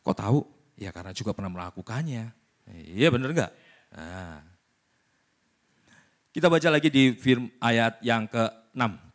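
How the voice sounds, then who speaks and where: A man preaching a sermon at a church service, lively and colloquial, who often acts out voices. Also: mid-range voice, measured pace, pauses often.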